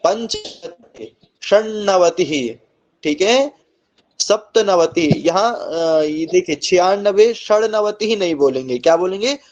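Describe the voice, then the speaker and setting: Slow, high-voiced Sanskrit teacher reciting. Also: male voice, lively intonation, darkish tone. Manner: slow, deliberate recitation with frequent "ठीक है?" checks. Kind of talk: online coaching class lesson, reciting numbers. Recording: slightly dull lo-fi recording.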